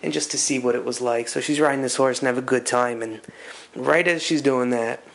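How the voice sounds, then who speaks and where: A man's voice: medium pitch, fairly even intonation, brisk, creaky, fairly bright tone. A man giving casual, loosely conversational commentary as he recaps a story, rambling and hesitant as he goes. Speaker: comic reviewer.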